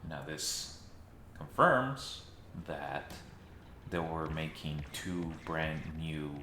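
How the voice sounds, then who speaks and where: This video essayist speaks extremely slowly, with an extremely low pitch, a sharp tone, and lively intonation. His conversational, sometimes dryly sarcastic remarks to viewers echo heavily in a nearly empty room of his new home, with a little hiss or hum underneath.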